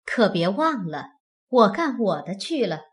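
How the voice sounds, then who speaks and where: A man reading an audiobook, voicing a shrewd, sharp-tongued young noblewoman who talks quick and cutting. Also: high voice, big pitch swings, slightly rough, voice pushed up, exaggerated voice. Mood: scornful. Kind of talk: audiobook character voice.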